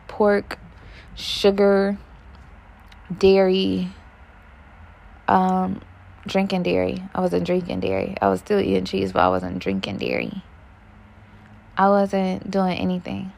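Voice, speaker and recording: A woman's voice: medium pitch, creaky. A woman vlogger rambling casually to her viewers, musing aloud and correcting herself as she goes. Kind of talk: casual rambling chat to camera.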